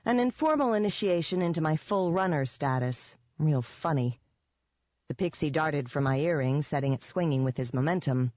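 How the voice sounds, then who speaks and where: A woman's voice: deep voice, expressive, moderate pace, a little mellow, no echo. Wry, sardonic woman narrator, first-person audiobook, dry and dull-sounding mic.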